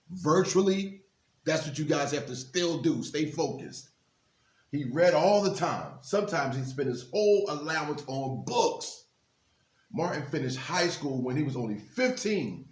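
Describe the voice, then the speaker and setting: A guest reader at a basketball team's literacy program event, this man has a voice on the high side that's a little mellow. He reads a children's book aloud and breaks off for casual, encouraging words to his young listeners, in a reverberant, echoey room.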